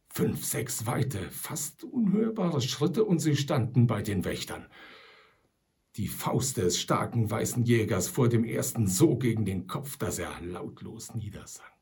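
A man's voice: mid-range voice, creaky, warm tone. A man narrating an adventure audiobook in a dramatic way, dropping to a whisper at tense moments. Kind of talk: scripted narration.

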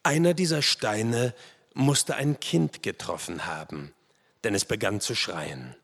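Slow, gravelly dramatic male storyteller. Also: fairly low pitch. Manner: dramatic, expressive. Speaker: audiobook narrator. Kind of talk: dramatic first-person story reading. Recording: long hall reverb.

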